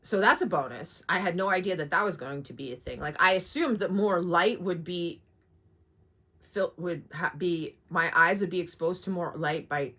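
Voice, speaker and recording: A woman's voice: on the low side, normal speed, pushed and bright. A woman of forty-nine talking casually to her vlog, candid, sweary and rambling with asides, sounding sore and a little shaken after surgery.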